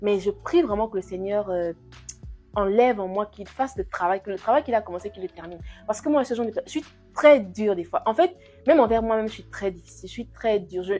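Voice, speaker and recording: A woman's voice: medium pitch, a little mellow, breathy edge. A young woman from Gabon, sharing a candid personal faith testimony, hesitant and full of restarts. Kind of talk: personal testimony, casual talk.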